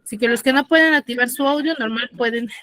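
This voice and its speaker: High-voiced teacher on an online class. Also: female voice, fast talker, a bit bright, dry recording. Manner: explains step by step, checks in with frequent "¿ya?". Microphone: computer mic on a video call.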